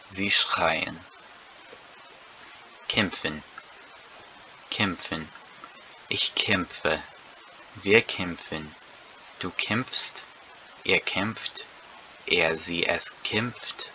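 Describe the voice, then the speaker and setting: A man teaching a lesson, drilling verb conjugations word by word and repeating each one deliberately, with an occasional slip. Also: low voice, sharp tone, slight background noise, poor audio. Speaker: language teacher.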